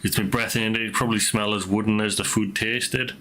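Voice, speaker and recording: A swaggering, gruff seafarer from a fantasy game, read out by a man at play. The voice is fairly low, with salty, boastful talk. Some faint noise runs underneath. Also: fairly even intonation, brisk, pushed and bright. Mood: grumbling.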